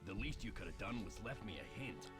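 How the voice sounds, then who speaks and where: A low, muttering man in a video game , voiced by an actor, searches a room and grumbles to himself about what was hidden there. His voice sits deep. Loud game music plays over him. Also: animated, brisk, natural voice. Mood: frustrated muttering. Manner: muttering, frustrated, talks to himself.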